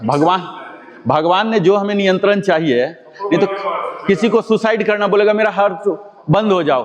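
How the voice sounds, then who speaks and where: Hindi-speaking yoga teacher in a reverberant room. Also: male voice, sits high. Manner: gives step-by-step commands to a group; asks the class rhetorical questions. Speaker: yoga instructor. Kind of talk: guided exercise class. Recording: long reverb.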